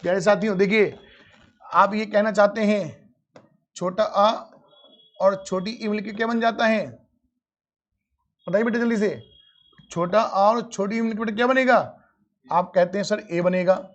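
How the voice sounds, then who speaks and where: High-voiced grammar teacher. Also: male voice, steady tone, measured pace, long pauses. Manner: calls students "beta", asks and answers his own questions. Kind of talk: live online class lecture. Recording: dull lo-fi audio.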